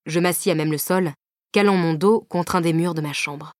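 A woman reading a novel aloud in the first person, measured and even, at a close microphone. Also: lowish voice, no echo. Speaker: audiobook narrator. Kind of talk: scripted audiobook narration. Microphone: close studio microphone.

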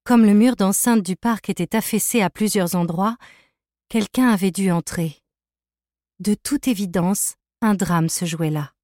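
Woman audiobook narrator, mid-pitched, steady, dry close sound. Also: measured pace, no room sound. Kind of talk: scripted narration.

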